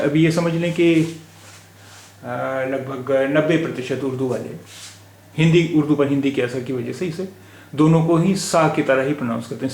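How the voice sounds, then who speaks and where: A man teaching letters and words in a slow spoken lesson, patiently repeating each sound aloud, with an Indian Hindi-Urdu accent. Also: medium pitch, vocal fry, darkish tone. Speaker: language teacher. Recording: echoey room recording.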